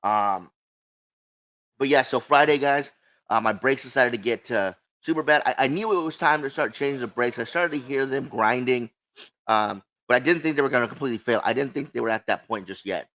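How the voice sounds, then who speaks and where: A man's voice: mid-range voice, brisk, a bit bright. A man co-hosting a livestream in casual, sweary chat, talking with a swollen lip. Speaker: co-host of a cigar show.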